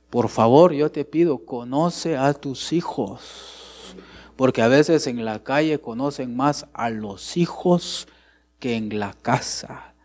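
A man's voice: a little high, a little mellow. A middle-aged man with a Guatemalan accent preaching a sermon, emphatic and often calling his listeners brother. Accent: Guatemalan Spanish.

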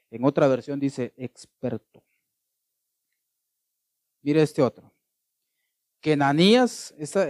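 A man preaching a sermon, animated, often asking the congregation rhetorical questions. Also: medium pitch, no echo. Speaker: pastor.

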